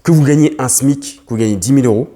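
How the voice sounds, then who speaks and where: A man's voice: medium pitch, fast talker, warm tone. A young man, giving a lesson to camera on property investing, emphatic and repetitive, with many fillers and restarts. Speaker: real estate investor vlogger.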